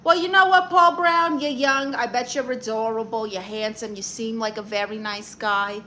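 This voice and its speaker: Her fairly high voice sounds pushed and bright as she reads comments on her livestream and fires off sassy advice. She's a young Brooklyn woman with a brassy manner and fast comebacks, and there's slight background noise.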